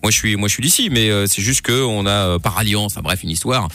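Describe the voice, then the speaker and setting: A man's voice: fairly low pitch, quick pace, bright, forceful tone, faint music behind. A man radio host playing a sleazy, clueless young man on a prank call who hesitates and stammers. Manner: hesitant, full of stammers and restarts.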